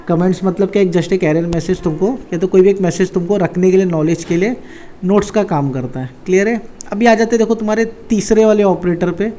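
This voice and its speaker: High and mellow, the man's voice carries a laid-back tutorial on coding fundamentals. He chats his way through, repeatedly testing listeners with rhetorical questions.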